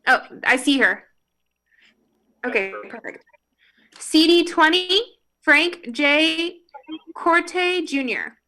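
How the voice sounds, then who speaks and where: A woman with a high, bright voice works through a roll call over a video call. She reads each name slowly and with care, pausing to apologize when she stumbles. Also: animated. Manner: slow, careful reading of names, with apologetic asides and laughs. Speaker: meeting roll-call reader.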